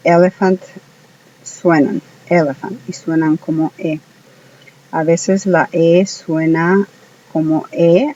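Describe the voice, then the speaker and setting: A speaker giving a home-made English lesson, hesitant, with many filler sounds and slow, careful repetition of words. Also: medium pitch, mellow, far from the mic, highs cut off. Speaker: English teacher.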